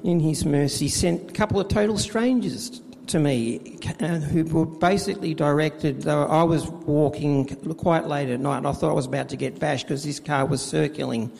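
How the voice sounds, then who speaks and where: A middle-aged man tells his story of faith in a halting way, with many fillers and restarts, recorded in a church with a long reverb. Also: fairly high pitch, vocal fry, darkish tone. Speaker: church volunteer administrator. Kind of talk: personal faith testimony in interview.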